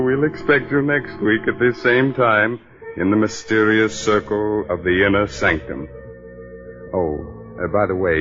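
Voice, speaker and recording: Low, teasing radio mystery host; muffled old broadcast. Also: male voice, a bit bright. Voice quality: wry, teasing delivery. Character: mocking, sardonic male horror host. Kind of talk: 1940s radio acting.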